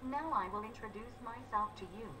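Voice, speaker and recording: A synthetic female voice with a New Zealand accent, spoken by a robot through its speaker in a measured, even way. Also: on the high side, recorded from a distance, music in the background, rough recording. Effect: text-to-speech robot voice from a speaker.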